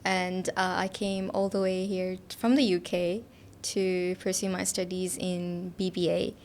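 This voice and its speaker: A woman's voice: on the low side, level tone, a little slow, darkish tone. A young woman, a student guest on a podcast, chatting cheerfully with frequent laughs and fillers like "like" and "you know.". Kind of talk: casual interview chat. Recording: faint background noise in a studio.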